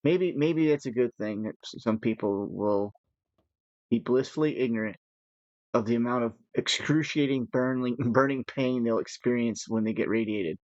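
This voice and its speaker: A man's voice: mid-range voice, normal speed, no room sound. A man talks loosely over a gaming session, piling up restarts and breaking into nervous laughs. His voice sits in a middle register. The recording is dry and slightly dull, like a basic home headset mic. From United States. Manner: rambling, nervous laughs, animated. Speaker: gaming podcast co-host. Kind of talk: casual chat while gaming.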